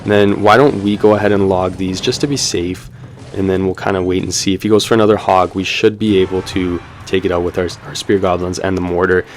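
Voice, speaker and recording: A man's voice: low voice, little pitch movement, a little fast, a little hiss or hum. A young man giving casual running commentary over his own mobile card game match, chatty and upbeat, with frequent ums and "let's go ahead". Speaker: gaming YouTuber. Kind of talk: live gameplay commentary.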